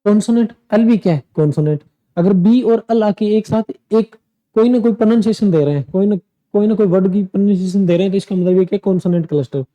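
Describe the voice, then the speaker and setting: A man's voice: sits high, quick pace, mellow, highs cut off. A man teaching pronunciation in a lesson, drilling word lists aloud and asking and answering his own questions. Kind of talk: screen-share lesson.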